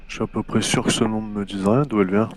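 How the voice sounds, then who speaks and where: A man's voice: lowish voice, steady tone, fast talker, a little mellow, a little hiss or hum. A man playing a tabletop game, hesitant and thinking aloud. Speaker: player. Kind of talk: tabletop role-play.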